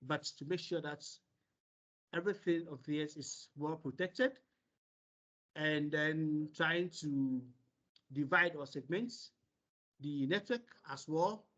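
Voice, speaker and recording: Guy talking over a video call, kinda high voice, dull lo-fi sound, lots of "i mean" pauses. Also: a bit bright. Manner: halting, with many pauses and "I mean" fillers. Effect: heard over a video call. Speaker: seminar moderator. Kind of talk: relaying questions and explaining. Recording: dull lo-fi meeting audio.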